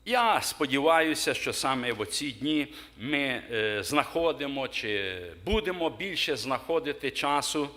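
Slow, lively-voiced pastor preaching. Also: male voice, medium pitch. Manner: asks the congregation questions, emphatic pauses. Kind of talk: sermon. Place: church hall.

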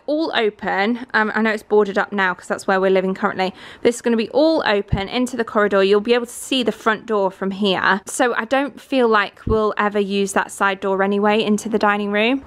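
A woman's voice: medium pitch, a bit bright. Young woman, casual vlogger, rambling and chatty, handheld camera on a building site. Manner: chatty, rambling, lots of fillers. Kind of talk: casual renovation walkthrough. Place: indoor and outdoor building site. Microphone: handheld camera, filming herself off screen.

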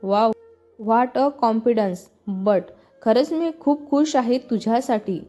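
A woman's voice: on the high side, slow pace, dark tone, soft background music. Woman doing a teasing young best friend. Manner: teasing, mock-dramatic. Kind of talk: storybook reading.

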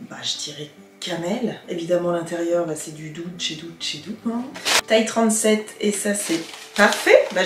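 A woman's voice: medium pitch, reverberant. A woman vlogger chatting casually to camera as she shows off her gifts, gushing and full of fillers and restarts. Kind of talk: casual haul chat to camera.

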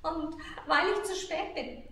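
A woman's voice: very high voice, bright, forceful tone, exaggerated voice. A woman voicing a small, timid shepherd boy who stammers and sobs as he speaks. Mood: tearful. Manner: sobbing, halting, stammering. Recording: very echoey room, mic far off.

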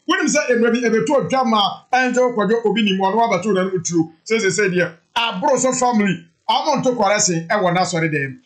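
A man in his thirties giving animated, emphatic commentary to camera from a room indoors. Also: very high voice. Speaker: online show host. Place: indoor room before a backdrop image.

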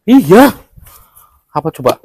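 A man's voice: high-pitched, very animated, slow, creaky, a little mellow, slightly rough. A man acting an angry father in a village drama, scolding and indignant. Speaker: village head candidate, father.

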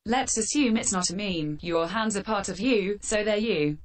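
A woman hosting a fan Q&A with sarcastic, deadpan answers, her voice run through a metallic filter. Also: medium pitch, normal speed. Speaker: channel host answering fan questions. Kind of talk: scripted comedic Q&A.

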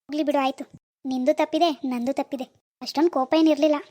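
A woman's voice: sits high, fairly even intonation, quick pace, mellow, close to an everyday voice. A woman voicing a stern young husband in a cartoon, speaking in a firm, scolding manner. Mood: soothing.

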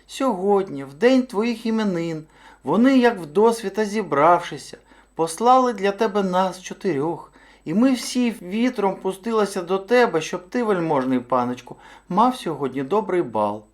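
A man doing a high, fawning little hare. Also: normal speed. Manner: overly polite, flattering. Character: timid, sly little male hare, fawning. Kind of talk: storybook read-aloud.

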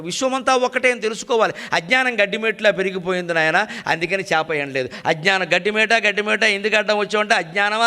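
A man giving a devotional discourse on a folk tale, with rhetorical repetitions and animated storytelling. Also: high-pitched, clear, resonant tone. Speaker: spiritual speaker.

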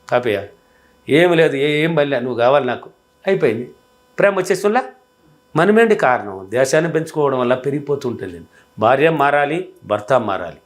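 A man giving a motivational relationship-advice talk as a coach, emphatic and repetitive, acting out little dialogues between spouses. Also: on the high side.

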